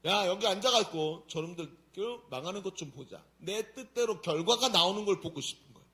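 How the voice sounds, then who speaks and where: A man pastor preaching a sermon at a Friday prayer meeting in a church, telling the story in a colloquial, animated way. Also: high voice, fairly quick. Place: church sanctuary.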